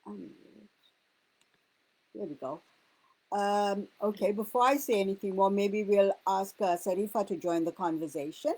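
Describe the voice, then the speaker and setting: A woman hosting a video call, speaking in a hesitant, unhurried way. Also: mid-range voice, dark tone, poor audio. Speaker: host.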